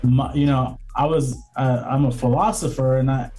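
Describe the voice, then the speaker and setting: A man's voice: medium pitch, fairly even intonation, moderate pace, music in the background, rough recording. A man speaking as a guest in a casual interview, reflective and rambling, with many fillers and restarts. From Southern California. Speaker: guest, lawyer and entrepreneur.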